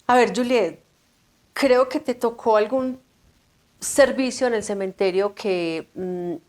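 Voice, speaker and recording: A woman hosting an interview who prompts her guest with measured questions. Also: a little high, a little mellow. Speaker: interview host. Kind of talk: conversational interviewing.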